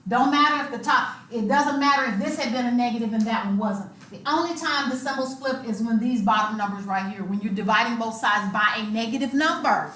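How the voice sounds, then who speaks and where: A woman's voice: a little high, brisk, few pauses, a bit bright. A woman lecturing a college math class, talking in a colloquial, emphatic way and repeating her key points. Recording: echoey classroom, faint room noise.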